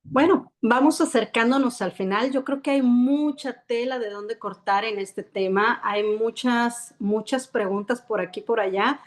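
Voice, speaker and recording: A woman moderating a panel with short, brisk prompts. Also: on the high side.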